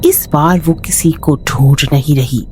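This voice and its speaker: A woman voicing an older man who runs a roadside tea stall, speaking slowly and gravely. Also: low-pitched, dark tone, soft background music. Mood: ominous. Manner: slow, grave, ominous.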